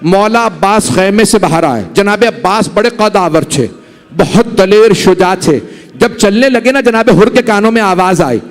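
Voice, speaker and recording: A man's voice: high voice, measured pace, long reverb tail. A man preaching a mourning sermon, dramatic and emotional, speaking directly to the gathering. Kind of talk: Muharram majlis sermon storytelling.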